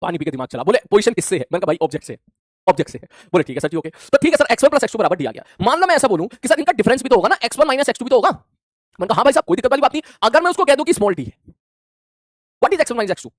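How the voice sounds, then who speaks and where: A male physics teacher speaking fast. His voice swings up and down a lot. It sounds dry and close, no room echo, and he acts out student replies as he explains. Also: very high voice. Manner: animated, plays out imagined student replies. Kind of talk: classroom lecture.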